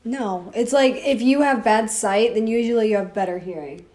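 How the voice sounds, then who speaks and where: A woman's voice: a little high, moderate pace, darkish tone. A young woman co-hosting a podcast, arguing her point firmly among friends. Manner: argues her point firmly, laughs often. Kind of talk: casual chat.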